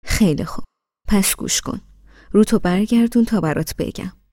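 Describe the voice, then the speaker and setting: A woman's voice: mid-range voice, warm tone, dry recording, studio quality, natural voice. A woman voicing a caring but headstrong young husband in a spoken story, firm and teasing in turn.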